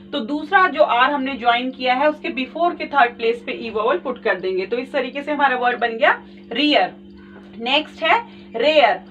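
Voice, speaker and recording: A woman with a high, bright voice walks through a shorthand lesson, patiently repeating each rule and calling her viewers friends. She sounds a little distant from the mic. The recording is dull and lo-fi, with a faint hiss under it. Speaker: shorthand teacher. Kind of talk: step-by-step tutorial explanation.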